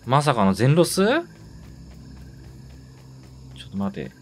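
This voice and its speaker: Excitable man narrating his gameplay. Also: medium pitch, slow pace. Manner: excitable, talks to himself, repeats words in bursts. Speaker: game streamer. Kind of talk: let's-play commentary.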